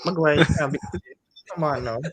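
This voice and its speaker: A man's voice: a little high, normal speed, background noise. A man in a casual football podcast, teasing and pushing back at his co-hosts. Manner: teasing, lively, laughs a lot. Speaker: podcast co-host, United fan.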